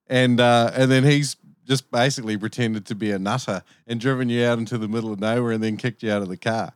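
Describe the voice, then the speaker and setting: A man's voice: medium pitch, dry recording. Blokey man hosting, close dry sound. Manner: blokey, sweary, slangy. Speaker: podcast host. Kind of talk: casual chat.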